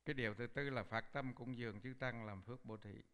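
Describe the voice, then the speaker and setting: A man's voice: medium pitch, fairly quick. A man giving a Buddhist sermon, telling a story and acting out the quoted voices. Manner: animated storyteller, acts out quoted speech. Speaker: Buddhist teacher.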